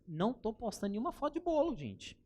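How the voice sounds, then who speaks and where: A man with a Brazilian accent teaching a live workshop, chatty and animated, often turning to the audience with anecdotes. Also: extremely high pitch, quick pace, noisy background. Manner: animated, chatty, keeps calling the audience "gente" and telling anecdotes. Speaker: workshop instructor.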